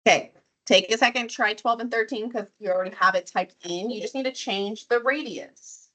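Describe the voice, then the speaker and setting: A woman math teacher, her voice failing because she is unwell, walks students through problems in stages and checks their understanding with questions. She talks at a moderate pace, on the high side and slightly bright.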